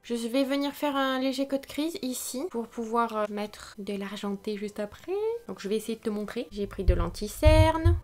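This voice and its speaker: A woman's voice: a little high, moderate pace, a little mellow, soft background music. A woman giving a casual, chatty makeup tutorial, talking to the viewer as she works and grumbling at small mishaps. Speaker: makeup vlogger.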